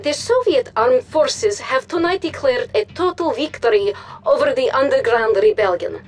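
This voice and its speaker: A poised television news anchor delivers regime propaganda in a fairly high voice. Her video game newscast is formal and grave, with soft music underneath. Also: animated, normal speed.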